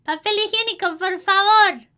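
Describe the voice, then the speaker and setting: A woman's voice: very high-pitched, a little slow, sharp tone, voice pushed up, exaggerated voice. A woman voicing an eager, polite little girl. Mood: chirpy. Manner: chirpy and polite.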